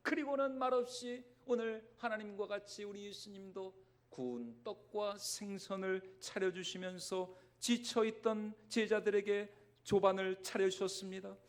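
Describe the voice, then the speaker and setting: A man's voice: sits high, unhurried. A male senior pastor preaching a sermon in a church sanctuary, quizzing the congregation as he goes. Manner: lively, asks the congregation questions.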